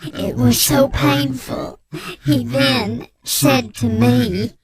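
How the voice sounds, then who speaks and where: A performer doing a slow, electronically disguised anonymous tipster. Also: medium pitch, steady tone, a crowd in the background. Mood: deadpan. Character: anonymous tipster in hiding, deadpan and lurid. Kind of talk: radio comedy bit.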